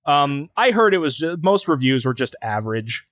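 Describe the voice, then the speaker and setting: Speaking at normal speed in a medium-pitched, sing-song, fairly bright voice, a male podcast co-host rambles casually and hesitantly, with many fillers and restarts. The recording is dry and close.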